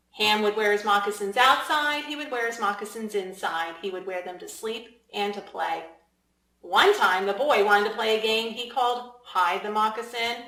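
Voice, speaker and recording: A children's author reads a story aloud, shaping her phrases deliberately and expressively for young listeners. Her middle-pitched voice is bright and forceful, and the room around her adds a clear echo.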